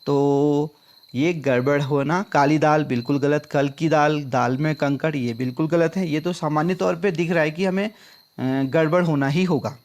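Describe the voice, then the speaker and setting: Man going through exam questions, higher-pitched. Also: fairly even intonation, unhurried, a little mellow. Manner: drills answers by repeating them back as questions; addresses viewers as friends. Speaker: exam prep teacher. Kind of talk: explaining quiz answers.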